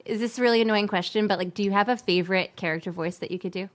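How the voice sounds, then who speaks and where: Woman with light vocal fry chatting. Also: mid-range voice, rapid-fire. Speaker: music teacher and co-host. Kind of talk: casual chat.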